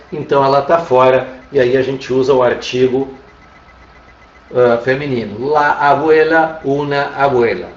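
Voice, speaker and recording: A man with a Brazilian Portuguese accent teaching an online Spanish class, patiently repeating "tá?" to check that students follow. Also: medium pitch. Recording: roomy, distant, dull lo-fi sound.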